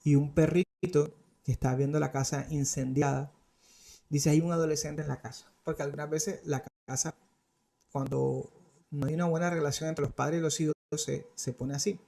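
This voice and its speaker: Animated preacher, gravelly and dark. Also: male voice, a little high, normal speed. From Colombia. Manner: animated, conversational preaching with playful asides. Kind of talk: sermon to parents and youth. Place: studio.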